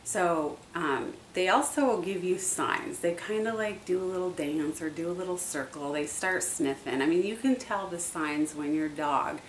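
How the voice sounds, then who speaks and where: Low-voiced woman chatting in an echoey room. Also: a bit bright. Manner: chatty, repetitive, many fillers. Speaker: dog owner vlogger. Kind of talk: casual how-to talk. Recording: echoey, distant from the mic, faint hiss.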